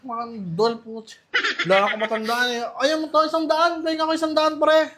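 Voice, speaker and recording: A man hosting a comedy skit, talking loudly with an exasperated, teasing manner. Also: extremely high pitch, flat delivery, normal speed, background noise. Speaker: comedian host.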